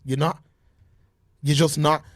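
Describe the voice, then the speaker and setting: A man's voice: a little high, level tone, slow, no room sound, studio quality. A man hosting a casual opinion talk over an online call, emphatic and repeating his points. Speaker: podcast host.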